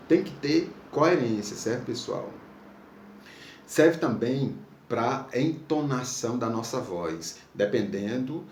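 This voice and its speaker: A man's voice: mid-range voice, a little mellow. A man from Brazil teaching a recorded school lesson, patiently checking in with his pupils. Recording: echoey room, faint background noise.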